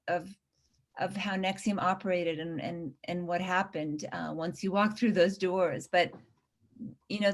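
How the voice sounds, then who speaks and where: A woman's voice: lowish voice, gravelly. A woman documentary director answering interview questions earnestly, often restarting her sentences.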